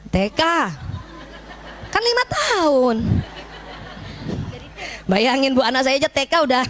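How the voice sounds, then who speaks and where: A middle-aged woman, giving a parenting talk to an audience of mothers in a lively, animated way, acting out dialogue. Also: unhurried. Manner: lively, animated, acts out dialogue with sudden pitch jumps. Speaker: parenting speaker.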